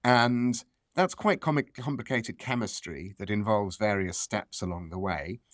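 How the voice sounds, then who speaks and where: Lowish-voiced male professor explaining, dry sound. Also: fairly bright tone, dry recording. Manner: measured, explanatory, repeats phrases for emphasis. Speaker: professor, expert guest. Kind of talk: conversational scientific explanation.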